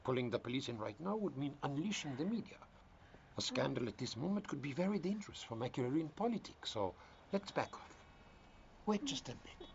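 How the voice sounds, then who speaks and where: An actor playing a calculating politician who talks in a smooth, dismissive, controlling way. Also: male voice, medium pitch, sing-song, a little fast. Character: calculating middle-aged male politician, cold and controlling. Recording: dull lo-fi dubbed film audio with faint hiss.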